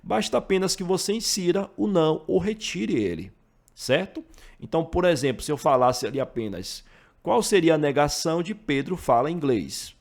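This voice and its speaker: Brazilian guy teaching math, bouncy animated voice, keeps checking in with you. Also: a little high, moderate pace, creaky. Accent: Brazilian Portuguese. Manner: checks in often with "né?" and "não é?"; explains step by step with worked examples. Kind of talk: explaining logic for exam prep.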